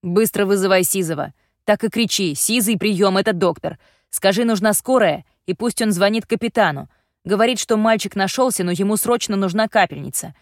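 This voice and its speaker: A gruff male doctor giving blunt, barking orders, as a woman narrator puts him on. The voice is loud and sits a little higher than her usual lowish tone. The recording is close and dry, with no room sound. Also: moderate pace, no room sound, natural voice. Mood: commanding. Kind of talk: audiobook character reading.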